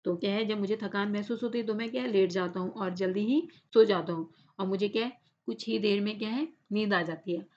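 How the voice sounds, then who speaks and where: A woman teacher reads an English textbook lesson aloud slowly and explains it in Hindi, often repeating a filler phrase. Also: medium pitch, a little mellow. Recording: slightly dull lo-fi recording.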